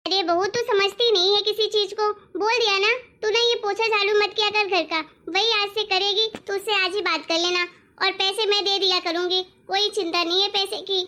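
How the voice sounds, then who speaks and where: A woman's voice: very high voice, fairly even intonation, moderate pace, sharp tone. A woman voicing a loving elderly mother-in-law in a family cartoon story, scolding fondly and insisting firmly. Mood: caring scolding.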